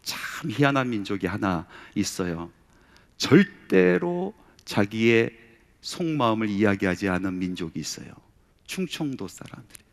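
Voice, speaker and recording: Male pastor, middle-aged, sunday sermon, storytelling, loud high bursts of emphasis. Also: expressive, a little fast. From South Korea, Chungcheong region.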